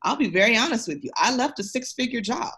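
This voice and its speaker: An education researcher appears as a podcast guest, speaking fast in a fairly high, rather bright voice. She's very animated, emphatic and encouraging, and talks directly to the listener in a conversational way.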